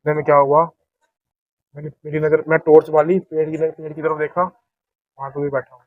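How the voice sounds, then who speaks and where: A man's voice: fairly high pitch, brisk, dry recording, phone-quality sound. A man recounting a frightening ghost experience in casual storytelling, imitating sounds as he talks. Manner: animated retelling with sound imitations. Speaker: podcast guest.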